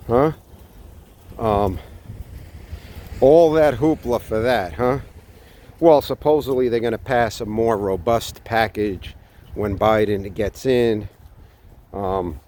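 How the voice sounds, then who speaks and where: An American man talking casually to viewers in a halting, thinking-aloud way as he walks. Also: mid-range voice, a little mellow. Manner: unhurried, halting, thinking aloud while walking. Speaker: vlogger. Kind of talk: casual walk-and-talk vlog to viewers. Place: outdoors, walking along New York City streets. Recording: outdoor city street noise, faint traffic. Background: faint outdoor ambience and vehicles.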